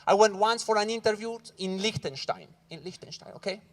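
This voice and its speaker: At a corporate event hall with a live audience, a Ticino-born Swiss comedian does stand-up in English, talking a little fast in a high-sitting voice. He engages the crowd head-on, loud and animated, and keeps saying "guys."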